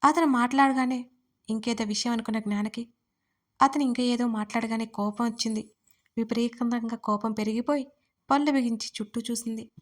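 A woman's voice: fairly high pitch, fairly even intonation, fairly quick. Woman narrating an audio story. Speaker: writer and narrator.

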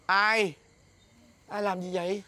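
A man's voice: high-pitched, little pitch movement, slow, bright, forceful tone. A man with a Southern Vietnamese accent playing a blustering, stammering husband in a comedy skit.

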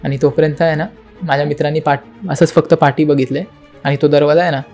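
A young man with a fairly high voice tells a spooky story as a podcast guest. He retells it dramatically, acting out the voices and the knocking sounds, and slips English words into his speech. Soft music plays faintly behind him. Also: little pitch movement, fast.

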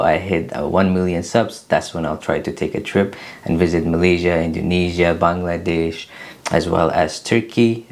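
A man in his thirties from Afghanistan, hosting his own channel and answering viewer questions in a casual, earnest way with many pauses. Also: sits low, a little mellow. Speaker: YouTube channel host. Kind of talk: casual Q&A to camera. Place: small room indoors. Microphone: camera at desk distance, seated.

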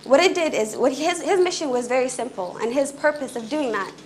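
A young woman who grew up in Canada gives an earnest, fluent public talk on stage in a small indoor room, speaking quickly with brief restarts. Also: sits high, lively intonation, slight background noise, low-quality recording. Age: young adult. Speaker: conference speaker.

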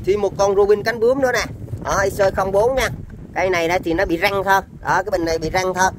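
High-pitched Southern Vietnamese man selling machinery. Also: fairly even intonation, quick pace, a little hiss or hum. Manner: repetitive, chatty hands-on patter. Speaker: seller of used machinery. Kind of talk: informal live sales demonstration.

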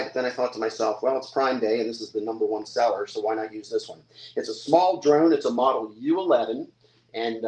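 Older man, auctioneer, salesman patter, bid calling, echoey room. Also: mid-range voice. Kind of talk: live-stream auction pitch. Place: hotel room or lounge, indoors.

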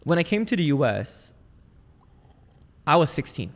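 A Malaysian man, a sales trainer and entrepreneur, tells his story casually as a guest on a podcast, keeping the interview informal and conversational. His fairly high voice is sing-song and unhurried, and the audio has a big-room sound.

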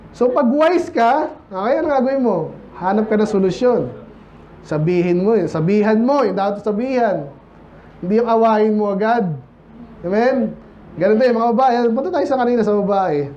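A man with a notably high voice delivers a relaxed, conversational sermon from the pulpit. He keeps turning to the congregation for agreement. The recording is a bit muffled, with a faint hiss underneath. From Philippines. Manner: casual, asks the congregation "di ba?" and "Amen?". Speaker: pastor. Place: church.

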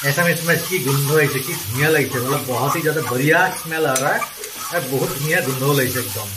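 A man with an Assamese accent hosts a casual cooking vlog in his home kitchen, talking eagerly and exclaiming over the smells and flavours as he cooks. His medium-pitched voice is brisk, with background noise and food sizzling and frying.

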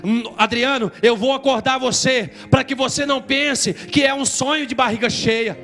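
A preacher voicing a male angel who speaks slowly and steadily. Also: very high voice, fairly even intonation, fairly bright tone, faint music behind. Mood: calm. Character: calm male angel messenger.

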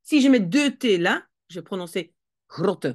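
A woman's voice: mid-range voice, animated, normal speed. A woman teaching Dutch spelling rules, explaining step by step and often correcting herself as she thinks aloud. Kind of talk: casual explanatory lesson.

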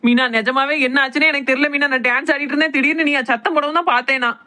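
A woman's voice: high voice, fairly even intonation, rapid-fire, sharp tone. A woman with a Kanyakumari Tamil accent playing a young daughter-in-law who defensively pleads that she did nothing wrong in a comedy skit. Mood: pleading.

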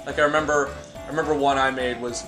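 A man's voice: medium pitch, steady tone, fast, music in the background. A young man giving casual, joking commentary while playing a video game, teasing his co-host. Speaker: let's play co-host.

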